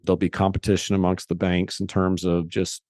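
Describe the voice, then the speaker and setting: A man as an interview guest, explaining things in a measured way with frequent restarts. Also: deep voice, monotone, darkish tone, dry recording, studio quality. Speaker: guest, investor. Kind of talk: conversational interview.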